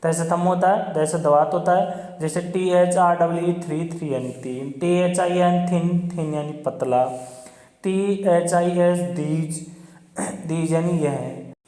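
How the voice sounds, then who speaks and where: Male teacher, high voice, spells words out and quizzes himself, long room reverb. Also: fairly even intonation, a little slow, mellow. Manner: spells words letter by letter, asks and answers himself. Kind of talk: spoken lesson on English phonics. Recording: roomy echo with long reverb.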